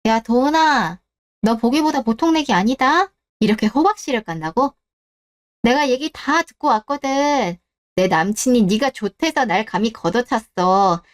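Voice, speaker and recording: A woman's voice: fairly high pitch, animated, normal speed, lightly acted. Sneering teenage girl bully, spiteful and bitter, played by a woman. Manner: sneering, taunting.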